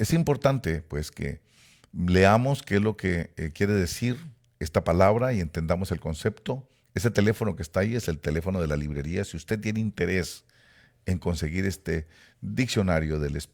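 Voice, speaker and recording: A man's voice: sits low, darkish tone. A man teaching a Bible lesson as a pastor, explaining word by word with frequent fillers and restarts.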